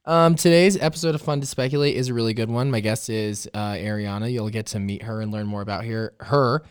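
A man hosting a casual podcast intro while sick with a fever, chatty and trailing off quietly at times. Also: on the low side, brisk, clean tone, no room sound, clean studio sound. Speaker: podcast host.

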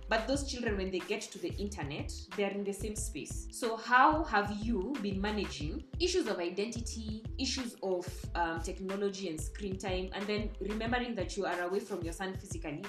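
A woman with a Kenyan accent, interviewing in a casual, conversational way. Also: medium pitch. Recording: echoey room with clear background music.

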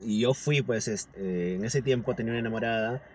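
A young man, co-hosting a casual podcast and speaking in a reflective, measured way. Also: medium pitch, a little mellow, slight background noise. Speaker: podcast co-host.

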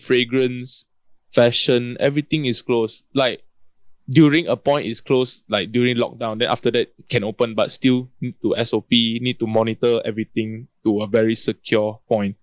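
A man's voice: medium pitch, clear, resonant tone, no echo. A man with a Malaysian English accent chatting casually in colloquial Singlish style, peppered with lah, man and bro. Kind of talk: casual chat.

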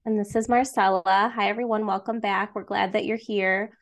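A woman's voice: mid-range voice, fairly even intonation, moderate pace. A woman co-hosting a podcast, chatting in a friendly, loose way with lots of fillers. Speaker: podcast co-host and trauma therapist. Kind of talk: casual podcast conversation. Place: remote recording, far from co-host.

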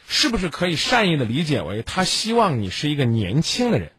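Brief: husky male radio advice host, blunt and lecturing, very lively delivery, dry sound. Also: on the high side, fairly quick, dry recording. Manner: blunt, lecturing, rhetorical questions.

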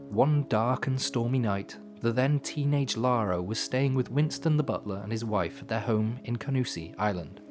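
A man hosting a podcast with scripted storytelling narration, in measured, dramatic phrasing with dry asides. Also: medium pitch. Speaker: podcast host. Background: music.

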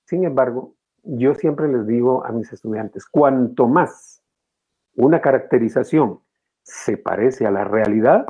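A male voice actor talks as an interview guest, explaining his craft in an animated, teacherly way and sliding his pitch up and down to demonstrate. His tone is dark and mellow. The recording sounds muffled and lo-fi. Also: measured pace, slightly rough.

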